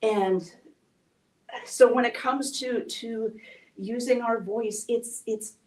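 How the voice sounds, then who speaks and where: A woman's voice: on the high side, steady tone, slow. Woman giving an emotional personal talk, sounds far off from the mic, echoey room. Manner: candid, emotional, with restarts. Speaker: event speaker. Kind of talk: personal story talk to a live audience. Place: event hall.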